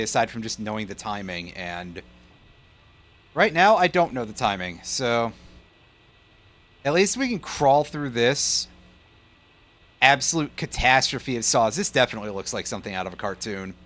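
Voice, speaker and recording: A man's voice: medium pitch, animated, normal speed, pauses often, fairly bright tone. A man giving casual let's play commentary, sarcastic and swearing as he complains about the game. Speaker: gaming commentator.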